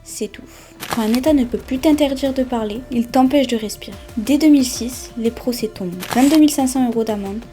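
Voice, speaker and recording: A woman's voice: a little high, brisk, few pauses. A woman giving scripted documentary narration in punchy, dramatic short phrases. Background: soft background music.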